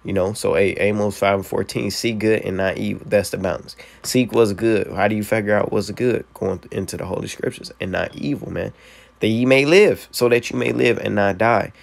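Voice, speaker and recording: A man reading old-style Bible verses aloud and breaking them down in relaxed slang for a video, tagging lines with "man" and "so, hey". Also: fairly low pitch, brisk, gravelly, few pauses. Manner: reads King James verses then explains in street slang, "man" and "hey". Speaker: scripture teacher. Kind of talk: casual scripture breakdown video.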